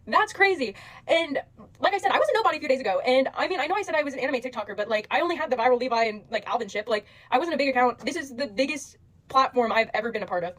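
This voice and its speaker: A woman's voice: high-pitched, lively intonation, very fast, a bit bright. A young woman casually addressing her followers as a social media creator, rambling and gushing with lots of fillers.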